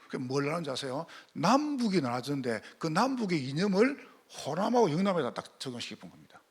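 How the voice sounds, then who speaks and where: A male pastor delivers a lively sermon, throwing questions at his congregation. His voice sits high and swings widely in pitch. It has a rough, gravelly, husky edge. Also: fast. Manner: animated, rhetorical questions to the congregation.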